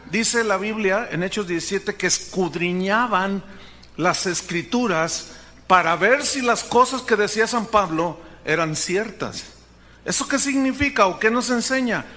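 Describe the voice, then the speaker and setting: A man's voice: high-pitched, bright, forceful tone. Pastor guy preaching, punchy and emphatic, keeps asking the crowd questions. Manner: emphatic, rhetorical questions to the congregation. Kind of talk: sermon.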